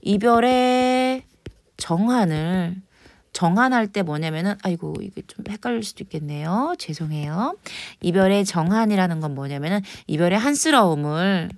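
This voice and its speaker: A woman teaching a poetry lesson in a lively way, switching between quick asides, whispers and slow stressed words. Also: on the low side, no room sound, clean studio sound. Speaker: Korean literature teacher.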